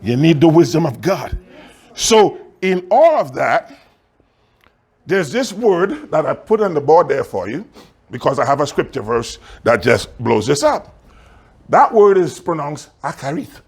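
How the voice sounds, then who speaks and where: A man preaching a sermon as pastor, reading scripture slowly with dramatic emphasis and asking the listeners rhetorical questions. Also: a little high, sing-song, breathy edge. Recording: sermon recorded in a church.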